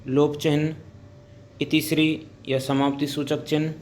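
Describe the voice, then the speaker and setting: A man teaching Hindi grammar in a slow classroom lecture. He pauses between items and reads each example out slowly before he explains it. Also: a little high, level tone, darkish tone, slight background noise. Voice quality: deliberate, pausing between listed items. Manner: dictating examples slowly, then explaining them.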